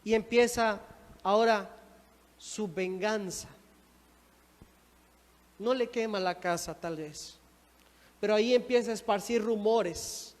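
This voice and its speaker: A man preaches a sermon in a high, ringing voice. He builds his points with rising emphasis and acts out quoted speech. The long reverb of a church hall trails every phrase. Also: slow, pauses often. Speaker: minister.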